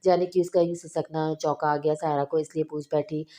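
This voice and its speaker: A woman narrating a novel aloud in a steady, measured reading with small restarts. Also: low voice. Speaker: novel reader. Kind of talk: audiobook narration.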